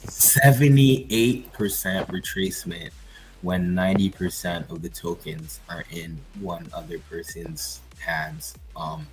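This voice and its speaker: Man, very low voice, rambling crypto chat, soft music underneath. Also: poor audio. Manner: rambling, lots of fillers and laughs. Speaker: co-host.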